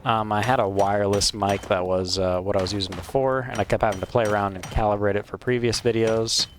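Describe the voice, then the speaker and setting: Slight background noise sits under a man's fairly low, fairly even voice as he hosts a let's play. Using a wired mic at his home gaming setup, he comments casually at an unhurried pace, hesitant and full of ums and uhs.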